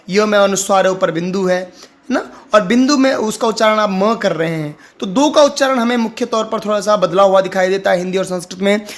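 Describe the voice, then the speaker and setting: A man teaching how to read and pronounce Sanskrit, explaining patiently and repeating words for the learner. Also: sits high. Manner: slow, deliberate chanting of Sanskrit lines. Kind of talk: explaining reading and pronunciation.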